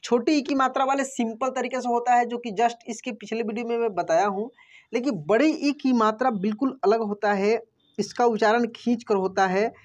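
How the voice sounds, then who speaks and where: A man teaching a Hindi lesson online, patiently explaining and slowly drawing out each word before repeating it. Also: very high-pitched, highs cut off. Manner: addresses viewers as friends, patient and explanatory. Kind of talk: online lesson, reading words aloud.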